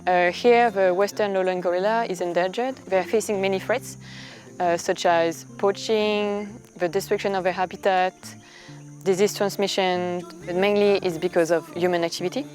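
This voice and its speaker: A woman's voice: fairly low pitch, steady tone, normal speed, a little mellow, soft background music. A woman who works in conservation, explaining things in an unscripted documentary interview. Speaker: gorilla conservation worker.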